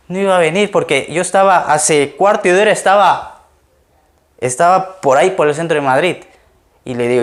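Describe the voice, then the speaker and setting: A male pastor delivers his sermon through lively personal stories, acting out the voices of the people in them. His medium-pitched voice swings up into loud emphatic bursts, then drops back down to quiet asides.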